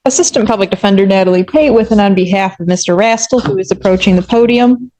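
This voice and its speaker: A woman, an assistant public defender, addressing the judge in measured, procedural legal phrasing in a courtroom recording. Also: medium pitch, darkish tone, rough recording.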